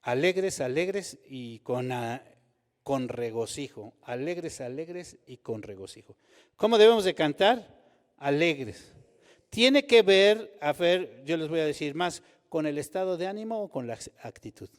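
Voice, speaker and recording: Pastor guy preaching, lively, keeps asking the crowd stuff, echoey church hall. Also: on the high side, measured pace. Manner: animated preaching, asks the congregation questions. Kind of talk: sermon.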